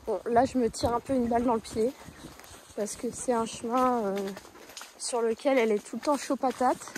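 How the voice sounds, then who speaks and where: A woman with a high, light voice talks casually into a phone held in one hand while she works her horse on a country path. She explains each step and coos praise to the animal. Faint outdoor noise and hoofbeats stay in the background. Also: fairly even intonation, moderate pace, a little mellow. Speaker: horse owner vlogger. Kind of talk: casual outdoor vlog commentary.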